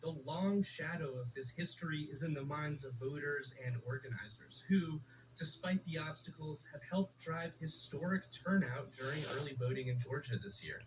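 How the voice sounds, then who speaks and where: A man reporting and co-hosting a public radio program in a measured, clear storytelling delivery. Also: fairly high pitch, recorded from a distance, background noise. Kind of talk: scripted public radio narration.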